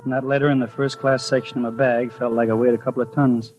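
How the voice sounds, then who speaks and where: An actor in a 1950s-style radio drama voices a nervous, imaginative postman who narrates his suspicions with anxious brooding and stammers hesitantly when talking to others. His mid-range voice is flat, quick, a bit mellow and close to everyday speech, with a lo-fi sound. It comes across as a 1950s broadcast with music.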